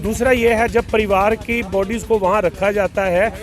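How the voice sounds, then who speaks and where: Volunteer interviewee, man, high voice, earnest and measured. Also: fairly even intonation, soft background music. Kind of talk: testimony to a reporter. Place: outdoors at a cremation ground.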